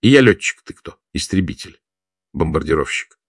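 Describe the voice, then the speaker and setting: A man's voice: sits low, expressive, moderate pace, creaky, husky, no room sound, studio quality, full character voice. A man voicing a tipsy, cheerful foreign pilot who teases and laughs. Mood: teasing.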